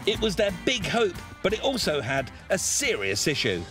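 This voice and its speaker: A man narrating a documentary in a lively, emphatic scripted delivery. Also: high-pitched, moderate pace. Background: background music.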